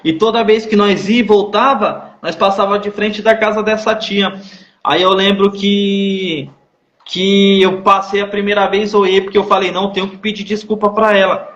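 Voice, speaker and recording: Male guest, high-pitched, monotone, sharing a heartfelt testimony in an echoey room. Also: lo-fi sound. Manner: repetitive, earnest storytelling with church slang. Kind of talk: emotional personal testimony.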